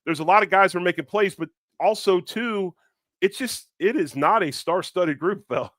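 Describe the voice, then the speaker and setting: A man's voice: sits high, moderate pace, fairly bright tone, no echo, studio quality. Emphatic man making a football point. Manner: emphatic, punchy, addresses listeners as folks. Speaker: sports podcast analyst. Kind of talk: casual sports talk.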